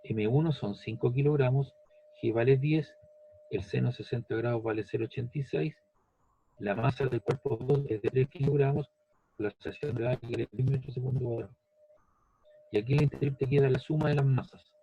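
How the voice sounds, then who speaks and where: A man's voice: mid-range voice, a little fast, dark tone, husky, lo-fi sound. A man teaching a physics lesson step by step, patient, repeating each step and checking that the student follows. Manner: patient, repeats steps, asks "¿ves?" and "¿cierto?".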